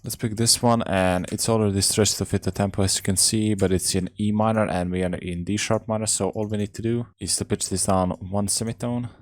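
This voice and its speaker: A man's voice: lowish voice, steady tone, a little fast, hardly any pauses, no room sound. A young man, a music producer, casually talking through a tutorial in laid-back slang with many "uh" fillers. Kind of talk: casual screen-recorded tutorial. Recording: faint music underneath. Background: music playing in the session.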